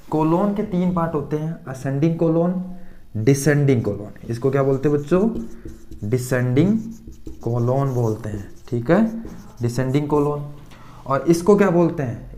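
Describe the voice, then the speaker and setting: Fairly high-voiced male science teacher. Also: darkish tone. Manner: repetitive call-and-response questioning. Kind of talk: classroom-style lesson.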